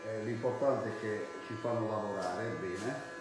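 A man, a hairdresser giving a casual, halting live demonstration in his salon. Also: on the low side, over music. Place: indoor hair salon. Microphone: phone held a short distance away. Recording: very echoey salon, faint background noise.

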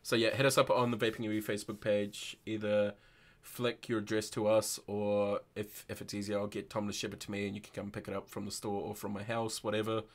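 A man's voice: fairly low pitch, flat delivery, fairly quick. A young man hosting a casual, informal livestream chat. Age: young adult. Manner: informal, sweary. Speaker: host. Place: indoor room, livestream video call.

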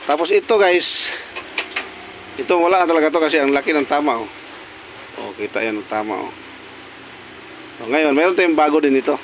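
A man's voice: fairly high pitch, a little fast, pauses often, slight background noise, rough recording. A repair technician talking casually through fixing a pressure washer pump at his workbench, pointing out parts in short remarks. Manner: talks while working, many short pointing remarks. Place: workshop bench.

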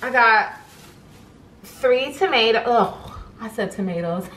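A woman's voice: a little high, animated, slow, fairly bright tone, echoey room, slight background noise, poor audio. A young woman vlogger chatting casually at home in her kitchen, rambling with lots of "um" and "like" as she goes. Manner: chatty, rambling, many fillers. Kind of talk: casual grocery haul chat. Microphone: camera on table in front.

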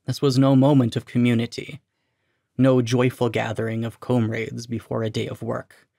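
A man narrating a short story in a steady, even storytelling delivery. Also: mid-range voice, moderate pace, creaky, no echo, clean studio sound.

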